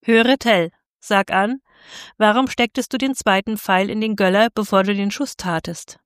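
A woman's voice: mid-range voice, fairly even intonation, moderate pace, dry recording, studio quality, natural voice. A woman voicing a cruel, scheming male tyrant bailiff who talks harshly and mockingly, in a storybook reading. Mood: probing.

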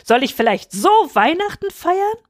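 A woman voicing an angry man in his undershirt who shouts and scolds, in a story read aloud. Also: high voice, big pitch swings, moderate pace, no room sound, studio quality, voice pushed up. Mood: furious.

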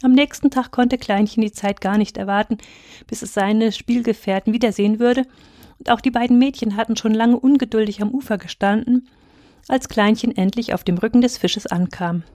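Woman calmly reading a fairy tale. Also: a little high, moderate pace, no echo, studio quality. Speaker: reader. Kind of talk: scripted fairy tale narration.

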